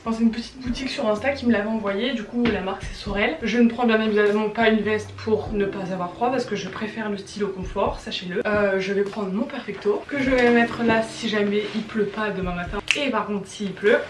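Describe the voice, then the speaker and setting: A teenage girl from France chatting casually in a vlog, tired and unwell, with quick asides and exasperated complaints. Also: medium pitch, background noise. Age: teens. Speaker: vlogger.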